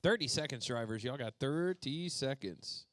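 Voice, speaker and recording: A man's voice: medium pitch, animated, moderate pace, a bit bright, no echo. A man doing playful live commentary at an indoor RC racetrack, calling out drivers by name. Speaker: RC race announcer.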